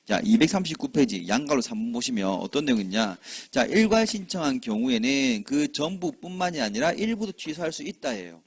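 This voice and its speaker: A man teaches an exam-prep lecture in a lively way, asking rhetorical questions, checking often whether students follow, and acting out short scenes with quoted voices. His mid-range voice is slightly rough.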